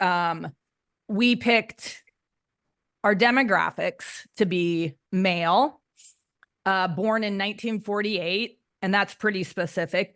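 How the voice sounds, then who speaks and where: A woman marketing coach talking casually through a screen share, explaining with lots of "um"s. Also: medium pitch. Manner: relaxed, filler-heavy explaining.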